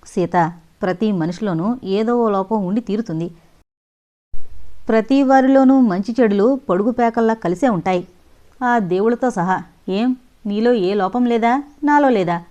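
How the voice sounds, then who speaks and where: A woman's voice: mid-range voice, a little fast, darkish tone, highs cut off, lightly acted. A woman voicing a compassionate young woman who talks in an earnest, pleading way, in an audio novel. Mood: earnest, indignant.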